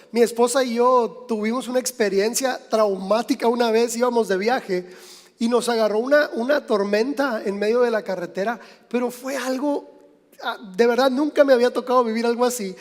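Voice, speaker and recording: A man with a Mexican accent preaching a sermon as pastor, in a conversational way that speaks straight to the listeners. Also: extremely high pitch. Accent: Mexican Spanish. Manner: conversational, addresses listeners directly. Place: church sanctuary. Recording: long church reverb.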